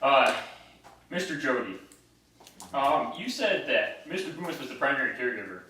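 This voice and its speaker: Bright-voiced young man, mock defense lawyer. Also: medium pitch, sing-song, normal speed, a little hiss or hum. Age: young adult. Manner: hesitant, quibbling objections. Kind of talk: improvised comedy sketch. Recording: very echoey room, distant mic.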